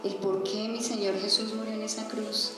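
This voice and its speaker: A woman's voice: medium pitch, level tone, normal speed. Earnest woman in a very echoey room. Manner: earnest, rising to pleading cries when reliving moments. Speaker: testimony speaker. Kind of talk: emotional religious testimony. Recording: very echoey room with faint music.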